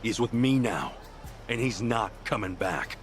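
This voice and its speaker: A man's voice: on the low side, lively intonation, unhurried, faint music behind. A man playing a loyal, scrappy, protective yakuza hero in a video game, speaking bluntly and emphatically. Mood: defiant, protective.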